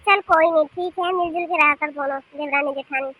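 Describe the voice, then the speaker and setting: A woman voicing a nagging old mother-in-law in an animated cartoon, calling loudly for her daughters-in-law and questioning them. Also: sits high, fairly quick. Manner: scolding, questioning, loud calls.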